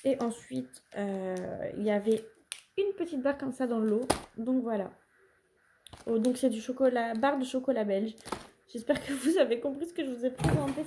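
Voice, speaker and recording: A woman's voice: a little high, warm tone, a little hiss or hum. A woman chatting casually in a home haul vlog, rambling and correcting herself as she goes. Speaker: vlogger.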